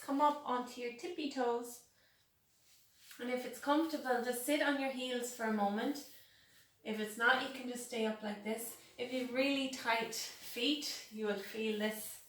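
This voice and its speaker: A woman guides a yoga class with calm, soothing instructions in a fairly high voice. She speaks very slowly and sounds distant from the mic in a very echoey room.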